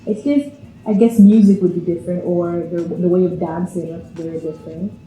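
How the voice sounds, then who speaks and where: Brisk and dark-toned, this fairly low female voice belongs to a Viennese woman in her twenties. She's chatty and giggly in a personal interview, laughing often, with roomy echo and faint music in the recording.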